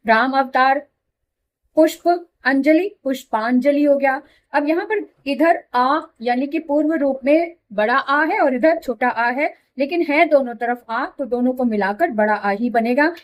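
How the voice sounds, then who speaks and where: A middle-aged woman teaching Hindi grammar in a patient classroom manner, slowly repeating examples and checking that students follow. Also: high-pitched. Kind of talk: classroom explanation.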